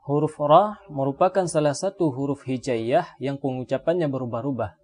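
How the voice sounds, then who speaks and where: A man with an Indonesian accent teaching a Quran recitation lesson, calmly explaining rules and slowly drawing out example words. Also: mid-range voice. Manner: slow drawn-out Arabic demonstration words between calm explanation. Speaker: tajwid teacher.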